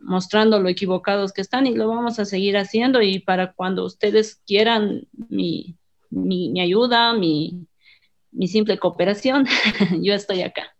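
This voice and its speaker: Dull, lo-fi audio of a woman with a Bolivian accent and a medium-pitched voice. She speaks conversationally, as an interviewee. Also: unhurried. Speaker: interviewee, grassroots party supporter.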